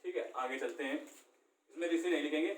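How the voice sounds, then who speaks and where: A man's voice: a little high, normal speed. A man teaching a classroom lesson, asking questions and answering them himself. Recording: echoey room, far from the mic.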